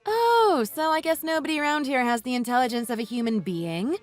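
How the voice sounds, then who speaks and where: A woman voicing a furious wife who mocks and cuts into her in-laws with sarcasm, over soft music. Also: sits high, expressive, a little fast. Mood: sarcastic. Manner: sarcastic, cutting, mocking. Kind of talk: read-aloud text-message story. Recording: dry voice with soft music underneath.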